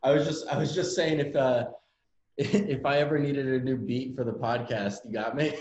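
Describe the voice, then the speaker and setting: A man's voice: medium pitch, normal speed, a little hiss or hum. A man hosting a podcast over a glitchy video call, talking casually with fillers and restarts. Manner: relaxed, with frequent fillers and restarts. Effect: choppy, glitchy video-call audio. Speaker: podcast host. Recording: dull, echoey video-call audio.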